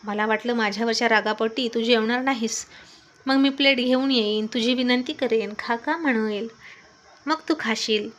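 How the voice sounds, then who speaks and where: A woman's voice: a little high, moderate pace, a bit bright, lightly acted, rough recording. Woman voicing a teasing young husband. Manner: teasing, mocking. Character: teasing male professor husband, cocky and playful.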